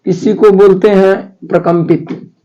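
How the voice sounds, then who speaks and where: A man's voice: sits high, steady tone, slow, dark tone, dull audio. A man teaching a grammar lesson for exam prep in a chatty, repetitive way, asking and answering his own questions. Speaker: Hindi teacher.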